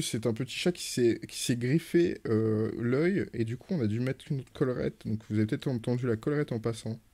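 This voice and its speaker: A man's voice: medium pitch, warm tone. A man reading game dialogue aloud during a live stream, chatting casually with viewers between lines. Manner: reads game lines in playful put-on voices, chats with viewers. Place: home, with cats nearby.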